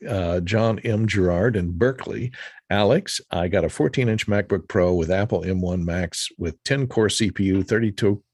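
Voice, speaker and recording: A man with a husky voice reading out listener questions on a live panel show, with scratching from building work heard in the background. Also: deep voice, darkish tone, no room sound. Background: scratching from building work on the house.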